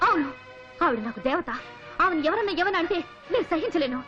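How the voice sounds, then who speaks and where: A woman's voice: extremely high pitch, lively intonation, fast. An actress playing a loyal young wife who firmly defends her sister. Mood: indignant. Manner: indignant, firm. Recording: dull film audio with music.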